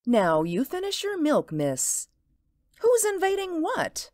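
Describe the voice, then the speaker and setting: A woman playing an amused, indulgent mother who gently chides and humors her child in a radio drama. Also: very high voice, huge pitch swings, slow, no echo, clean studio sound, heavily acted. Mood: gently chiding, humoring.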